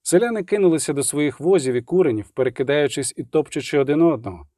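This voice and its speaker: A man reading an audiobook in steady, expressive scripted narration. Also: on the high side, quick pace, no room sound, studio quality.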